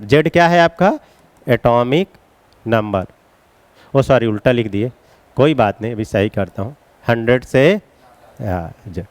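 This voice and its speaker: A man teaching chemistry in a classroom lecture, coaxing his students with questions and chanting mnemonics in a slow singsong. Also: medium pitch, darkish tone, dry recording. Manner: coaxing, calls students beta, asks and answers questions.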